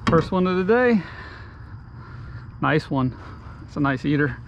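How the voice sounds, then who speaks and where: A man's voice: a little high, lively intonation, measured pace, muffled recording, noisy background. A man fishing from a kayak, talking to himself in short exclamations, recorded outdoors on an action camera. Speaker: kayak angler filming himself. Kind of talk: muttered self-talk while fishing.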